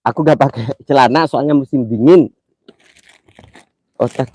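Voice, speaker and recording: A man's voice: medium pitch, normal speed, darkish tone, no room sound. Playful man with a stuffy nose. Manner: playful, teasing, jokingly affectionate. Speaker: livestream host. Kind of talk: live mystery-hunt stream chat. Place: outdoors in a cemetery at night.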